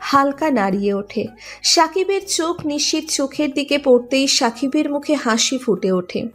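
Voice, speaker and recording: A woman's voice: sits high, lively intonation, moderate pace, soft background music. A woman narrating a romantic audio story in a dramatic, scripted storytelling manner.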